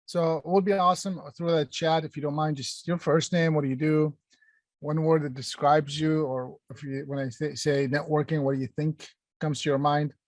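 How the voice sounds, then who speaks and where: A man's voice: on the high side, flat delivery, normal speed, no echo. Middle-aged man presenting an online workshop. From Palestine, raised in Kuwait. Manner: conversational, many fillers and restarts, addresses chat. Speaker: workshop presenter, company founder.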